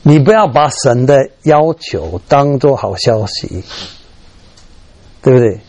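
A middle-aged man preaching a sermon, telling stories in an animated way, scattering English fillers through his speech, his voice leaping up when he acts out strong feelings. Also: slow pace. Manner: animated storytelling, voice jumps high when acting out emotion.

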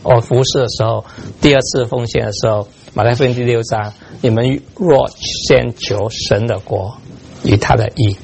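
Older man, pastor, sermon, gravelly voice, animated storytelling, faint background hiss. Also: medium pitch, moderate pace. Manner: animated storytelling, mixing in English words, laughing at himself. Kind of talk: sermon with personal stories.

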